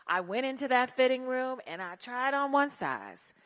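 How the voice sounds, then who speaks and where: Animated bright-voiced woman coaching. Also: sits high, normal speed, big-room sound. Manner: animated, direct, uses slang. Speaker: pitch coach. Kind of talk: coaching feedback at a rehearsal.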